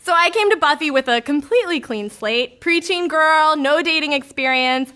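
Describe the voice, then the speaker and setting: A woman in her thirties performs a comic personal confession in a high, bright voice, candid and wry. She tells it as a storyteller, slipping into the lines she quotes, and sounds animated at a normal speed.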